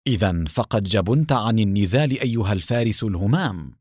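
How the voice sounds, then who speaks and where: Brief: earnest young leader, as a narrator voices him, lively delivery, dry recording. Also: male voice, lowish voice, fairly quick, husky, dry recording. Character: young man, bold leader of a security team.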